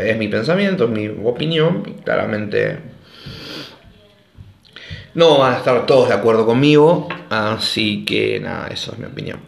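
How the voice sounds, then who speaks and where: A man's voice: mid-range voice, vocal fry, reverberant. A man with an Argentine Rioplatense accent hosting a casual monologue podcast, rambling with sarcastic joking asides. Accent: Argentine Rioplatense Spanish. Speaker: podcast host.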